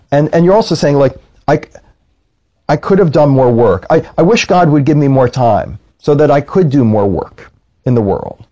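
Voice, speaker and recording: A man's voice: medium pitch, dark tone. A man speaking as a rabbi in a reflective conversation, earnest, slipping into quoted voices as he tells stories.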